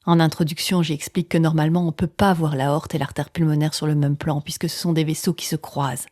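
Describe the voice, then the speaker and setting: A woman telling an intimate personal story in the first person, using dramatic pauses, sometimes dropping close to a whisper and acting out what others said. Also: deep voice, flat delivery, a little mellow, no echo.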